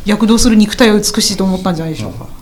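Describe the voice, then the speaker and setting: A woman co-hosting a casual fashion chat, explaining trends quickly and playfully scolding her partner. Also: mid-range voice, very animated, darkish tone.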